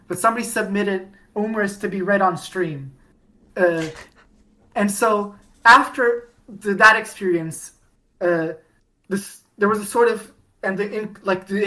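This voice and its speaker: Over a rough recording, a woman with a medium-pitched, fairly bright voice co-hosts a fan podcast, recounting fandom history. She rambles, keeps restarting, leans on fillers, and laughs frequently.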